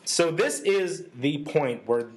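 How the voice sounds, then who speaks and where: A man's voice: a little high, lively intonation, slow. A man co-hosting a casual gaming chat show, talking at length with a sarcastic, lecturing manner. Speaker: podcast co-host.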